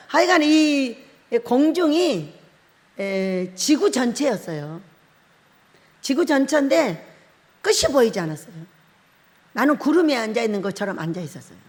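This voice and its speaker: A middle-aged woman pastor preaching a sermon, telling a personal story with lively acted-out shouts and frequent laughter. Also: high-pitched, unhurried, pauses often. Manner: animated storytelling, acts out her own shouting and crying, laughs often. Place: church hall. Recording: long hall reverb.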